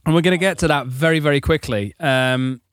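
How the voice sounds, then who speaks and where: A man's voice: on the high side, a little fast, smooth, no echo. A man co-hosting a studio podcast, joking and teasing his co-host in casual chat. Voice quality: jokey, teasing. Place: London studio.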